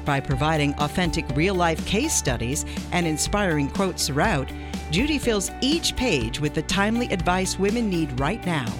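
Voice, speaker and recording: A woman's voice: on the low side, expressive, normal speed. A woman announcer giving a polished, persuasive scripted promotional read. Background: music bed.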